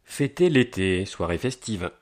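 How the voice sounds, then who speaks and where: Low-voiced male announcer. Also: sing-song, measured pace. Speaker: announcer of a local events agenda. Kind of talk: scripted promotional narration.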